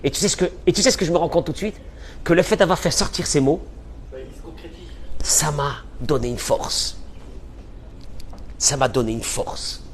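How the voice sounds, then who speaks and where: A man giving an impassioned religious lecture as a rabbi, pleading and repeating phrases for emphasis, dropping to a hush and then rising loud. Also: on the high side, lively intonation, moderate pace, long pauses, slight background noise. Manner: pleading, emphatic repetitions, swings from hushed to loud.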